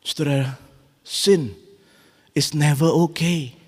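A middle-aged man preaching a sermon as pastor, swinging between loud urgent rhetorical questions and quiet, intimate reflection. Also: fairly high pitch, fairly even intonation, slow pace, slightly rough. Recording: long hall reverb.

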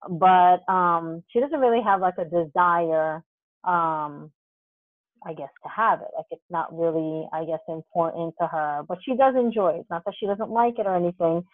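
A woman's voice: fairly low pitch, normal speed, no room sound. Woman sex coach on a tinny line. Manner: relaxed, thinking aloud with many fillers. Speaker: podcast co-host, certified sex coach. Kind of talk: casual podcast talk. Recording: thin phone-like sound.

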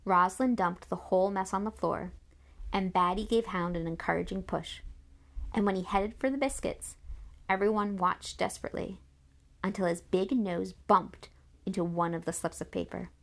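A woman narrating a children's novel in an audiobook, with expressive storytelling. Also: mid-range voice, normal speed, vocal fry.

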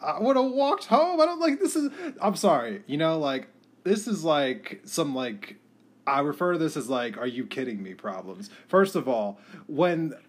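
A man's voice: fairly high pitch, sing-song, a little slow. A man co-hosting a podcast, ranting emphatically in casual chat. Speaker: podcast co-host.

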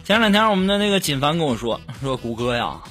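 A man's voice: high-pitched, expressive, fast talker. A man performing a comic monologue and laughing through his punchlines. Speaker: comedian. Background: faint music.

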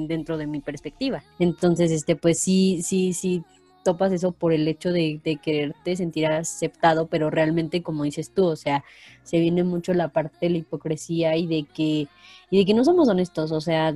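Woman co-host, low mellow voice, thoughtful and hesitant in casual chat. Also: dry recording. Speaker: podcast co-host. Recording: faint music behind.

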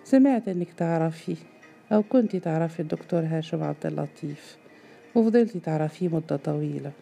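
Woman voicing a calm, earnest young suitor. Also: deep voice, vocal fry, soft background music, exaggerated voice. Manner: gentle, apologetic, measured.

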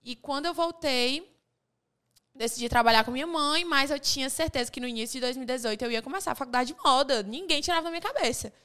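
A young woman co-hosting a casual podcast, telling her story with lively quoted dialogue and repeated restarts. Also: sits high, fast talker, smooth. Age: young adult. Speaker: podcast co-host. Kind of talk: casual chat among friends.

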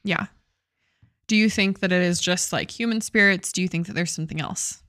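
A woman's voice: lowish voice, a little fast, fairly bright tone, dry recording. Chatty young woman, dry close sound. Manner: casual, swears, many "like" fillers. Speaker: podcast co-host. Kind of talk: casual storytelling chat.

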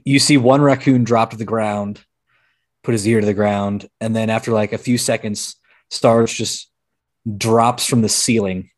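A man's voice: fairly low pitch, steady tone, a little slow. A man playing a tabletop game, thinking aloud and hesitating as he talks. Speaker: player. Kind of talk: casual tabletop play.

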